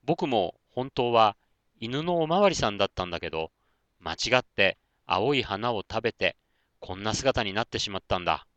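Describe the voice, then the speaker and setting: A man voicing a large snake in a children's story, slow and drawn-out. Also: fairly low pitch, lively intonation, a bit bright, no room sound, highs cut off. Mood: friendly. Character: big snake, gruff at first, then kindly.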